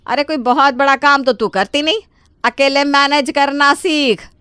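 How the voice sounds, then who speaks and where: A woman's voice: on the high side, sing-song, moderate pace, a bit bright, dry recording, clean studio sound. A woman voicing a middle-aged mother-in-law in a cartoon story, bossy and scolding. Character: middle-aged mother-in-law, easily swayed, sharp-tongued. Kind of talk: Hindi cartoon voice acting.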